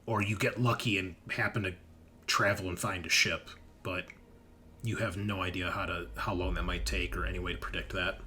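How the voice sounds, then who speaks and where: With faint music in the background, a man acts as game master for a sci-fi horror tabletop game, describing scenes and swearing casually. His voice is low-pitched, bright and forceful, delivered flatly at a moderate pace.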